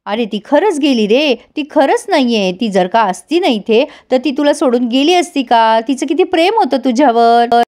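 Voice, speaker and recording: Scheming mother read by a woman, coaxing and scolding, high voice. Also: expressive, normal speed, few pauses, darkish tone.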